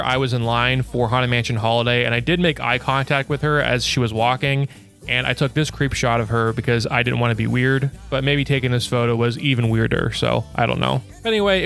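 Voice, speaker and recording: Young male video essayist, mid-pitched, blunt and opinionated, reading over a faint music bed. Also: a bit bright. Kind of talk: scripted video essay narration.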